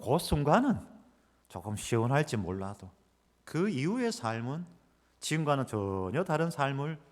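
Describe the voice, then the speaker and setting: Animated male pastor in a reverberant church. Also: mid-range voice, moderate pace. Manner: animated storytelling, acting out quoted lines. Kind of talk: sermon with personal story. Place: church sanctuary. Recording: long reverb of a church hall.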